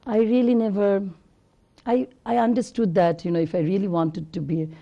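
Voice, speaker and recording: Husky low woman, lo-fi. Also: steady tone, normal speed, mellow. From Bangladesh. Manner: earnest, rambling, loose phrasing. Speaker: guest, classical singer. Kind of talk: conversational interview.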